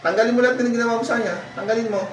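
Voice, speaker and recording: A high-voiced man acts as a folk healer, issuing repeated commands and pressing questions between murmured incantations. He sits at some distance from the mic, so his voice sounds roomy, with faint noise behind it. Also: fairly even intonation, very fast. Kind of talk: healing ritual with chanted prayers and questioning.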